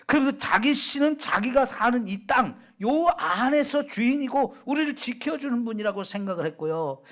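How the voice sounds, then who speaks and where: A male pastor giving a sermon, retelling the story in a lively, colloquial way and asking the congregation questions. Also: extremely high pitch.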